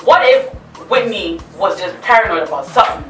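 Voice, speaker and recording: A woman's voice: mid-range voice, expressive, fairly quick, roomy sound, distant mic, faint music behind, rough recording. A woman hosting a talk show, arguing her point emphatically in casual debate. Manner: argumentative, pushes back emphatically.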